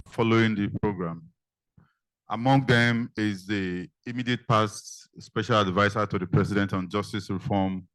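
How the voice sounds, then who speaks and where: A man with a fairly low voice hosts a formal event. His announcements are polite and somewhat halting, and the sound is close and dry. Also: no echo, rough recording. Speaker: event moderator. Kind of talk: formal event hosting, unscripted.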